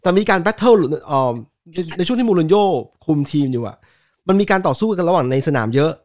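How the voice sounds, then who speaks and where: A man's voice: high voice, fast, dry recording, clean studio sound. A man co-hosting a casual football podcast, emphatic and slangy. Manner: animated, emphatic, crude slang. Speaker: podcast co-host.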